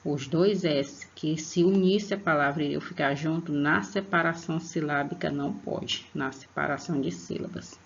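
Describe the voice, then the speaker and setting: Brazilian online teacher, patient, gravelly voice, slow clear examples, lo-fi recording. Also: medium pitch, steady tone. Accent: Brazilian Portuguese. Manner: patient, checks in with "tá?" after each point; spells out example words slowly. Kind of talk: online spelling lesson. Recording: dull lo-fi recording.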